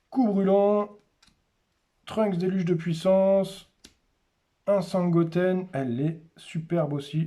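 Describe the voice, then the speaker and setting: Male host, casual unboxing commentary, slow delivery, names items one by one. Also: high-pitched, dark tone. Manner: names cards one by one in short, unhurried remarks. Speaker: host opening a card display.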